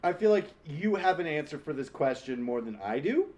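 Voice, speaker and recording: A man's voice: fairly high pitch, big pitch swings, brisk, darkish tone. A young man co-hosting a podcast, chatting casually in a blunt, playful way. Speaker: podcast co-host. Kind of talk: casual chat.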